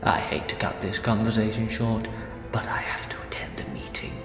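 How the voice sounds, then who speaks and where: A man playing a gloating, menacing alien tyrant in an audio drama, taunting and theatrical, often dropping toward a breathy whisper. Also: on the low side, normal speed, natural voice. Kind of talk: fan audio drama acting. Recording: echoey, long reverb, music underneath.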